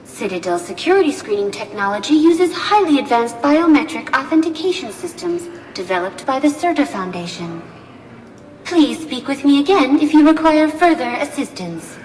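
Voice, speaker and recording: A high, lilting station computer speaks with polite, even calm. Her game announcements carry a long hall echo. A faint hum sits underneath. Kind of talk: video game voice acting. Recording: echoey hall, distant, faint background hum.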